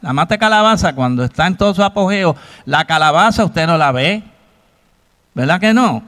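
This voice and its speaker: A man's voice: a little high, animated, moderate pace, fairly bright tone. A man preaching a sermon, often asking the congregation rhetorical questions and acting out quoted voices.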